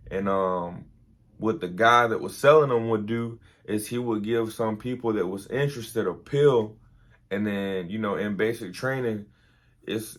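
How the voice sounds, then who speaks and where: Tired, laid-back young man, low voice. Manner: laid-back, rambling with many fillers. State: tired, early morning. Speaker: vlogger, army veteran. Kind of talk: casual storytelling.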